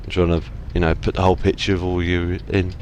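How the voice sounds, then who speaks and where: A man's voice: low-pitched, completely flat delivery, quick pace, darkish tone, slight background noise. A man chatting casually through a trucking game, rambling and apologizing with self-deprecating asides. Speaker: gaming channel host. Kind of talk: casual let's-play commentary. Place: home gaming setup.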